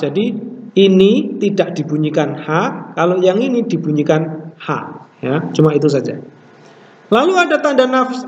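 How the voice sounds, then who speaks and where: A man teaching a classroom language lesson, explaining step by step and repeating words slowly to model pronunciation. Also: a little high. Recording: echoey room, distant mic, dull lo-fi sound.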